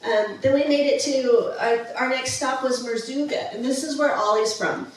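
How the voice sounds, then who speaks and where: A high-pitched woman speaks at a moderate pace while presenting a travel slideshow. Her talk is casual and enthusiastic, broken up by many ums and restarts. She's in a museum presentation room, recorded by a far-off mic in a very echoey room.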